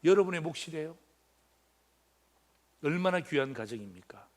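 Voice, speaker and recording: Animated, high-voiced pastor preaching with humor. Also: male voice, normal speed. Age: 50s. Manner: animated, joking, swings between loud exclamations and quiet asides. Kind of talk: sermon.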